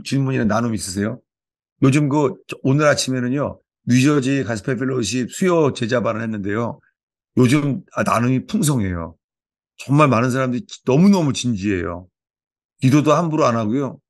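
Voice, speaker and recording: A man's voice: mid-range voice, dry recording, clean studio sound. A man who is a pastor, preaching in a casual way and telling stories, repeating phrases and restarting often. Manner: chatty storytelling, repeats phrases, stumbles and restarts. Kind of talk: informal sermon and sharing time.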